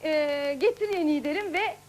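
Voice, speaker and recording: High-voiced chatty woman TV host. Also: moderate pace, darkish tone. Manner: chatty, laughing, reads out viewer faxes. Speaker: TV show host. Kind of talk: casual live TV chat.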